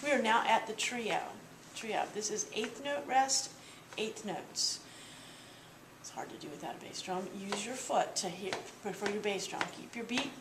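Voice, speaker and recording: A woman's voice: medium pitch, lively intonation, a little slow, noisy background. A woman teaching a percussion lesson, explaining patiently step by step with small fillers. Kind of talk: instructional walkthrough. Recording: roomy, distant mic with loud drumming.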